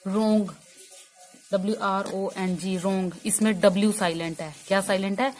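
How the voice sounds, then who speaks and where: A woman's voice: medium pitch, fairly even intonation, normal speed, a little mellow. A woman English teacher giving a spoken English lesson in Hindi, explaining silent letters and quizzing her students with repeated questions.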